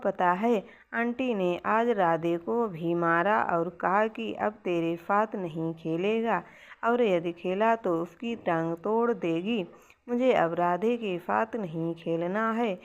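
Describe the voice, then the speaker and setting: A woman's voice: on the low side, muffled recording. A woman narrating a moral family story, voicing mother and child dialogue with feeling. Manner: slow, emotive reading with voiced family dialogue.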